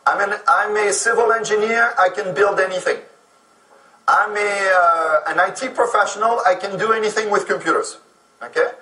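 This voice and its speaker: A man's voice: high-pitched, normal speed, pushed and bright, recorded from a distance. A man from France, a native French speaker, giving a lecture and often checking in with "okay?". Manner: explanatory, keeps asking "okay?". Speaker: speaker on immigrant employment. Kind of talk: lecture to an audience. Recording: echoey room, voice from off mic.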